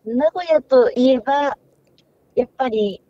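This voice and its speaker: A woman calling in as a guest on a radio show, answering in short, polite replies. Her voice sits high and mellow. The sound is dry. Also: a little slow, no echo, muffled recording. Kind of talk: casual radio interview. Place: remote, in Nagoya.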